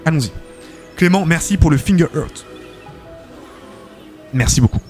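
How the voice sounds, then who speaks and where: A man's voice: a little high, lively intonation, a little slow, darkish tone, soft background music. Chatty male game streamer. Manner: chatty, thanks viewers often, many fillers and "hein". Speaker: streamer hosting a tournament. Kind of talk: live-stream game commentary and chat reading.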